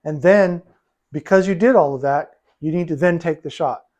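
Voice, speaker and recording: This billiards coach has a fairly high, slightly mellow voice and talks at a moderate pace. Coaching a single student at the pool table, he stays patient and repeats phrases while explaining.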